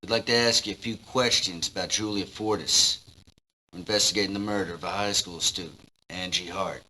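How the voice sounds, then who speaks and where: Brief: a matter-of-fact male homicide detective in a game, lowish and bright, faint hiss behind. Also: steady tone, a little fast, rough recording. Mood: formal. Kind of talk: dubbed video game dialogue.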